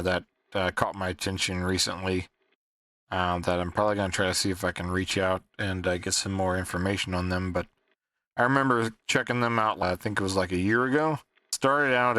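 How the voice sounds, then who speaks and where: A man hosting a livestream with casual, rambling chat, often pausing as he thinks. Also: sits low, sharp tone, no room sound, far from the mic. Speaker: livestream host.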